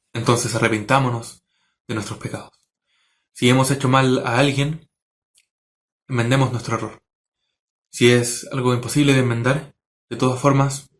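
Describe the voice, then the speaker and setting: A man teaching a Sunday school lesson and closing in prayer, speaking earnestly with slow, emphatic pauses. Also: mid-range voice, a bit bright.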